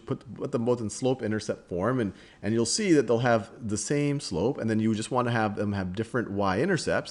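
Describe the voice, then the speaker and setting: A man explaining algebra step by step in a relaxed, conversational way, thinking aloud and repeating words as he writes. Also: fairly low pitch. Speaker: math teacher. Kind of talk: explaining math at a virtual blackboard.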